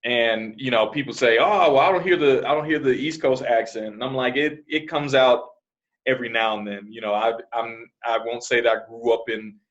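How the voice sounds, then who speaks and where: A man from New Jersey who grew up in Arizona, a podcast guest talking in a relaxed, rambling way with many "you know" fillers. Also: medium pitch, moderate pace, lo-fi sound. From born in New Jersey, raised in Arizona. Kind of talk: casual interview.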